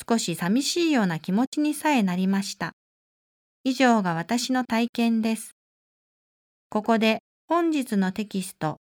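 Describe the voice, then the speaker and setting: A woman with a somewhat high-pitched voice speaks as a staff member of a religious movement. She tells her story in a measured, earnest way, like a prepared talk, and reads passages from a text in the same steady manner.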